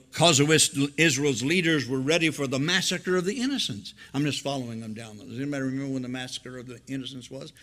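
An older man preaching a sermon from a church pulpit, swinging between loud emphatic lines and hushed, low asides. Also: vocal fry. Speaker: pastor. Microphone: pulpit microphone.

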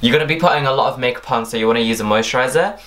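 A man's voice: medium pitch, rapid-fire, fairly bright tone. A young man narrating an instructional makeup tutorial as its presenter. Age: young adult.

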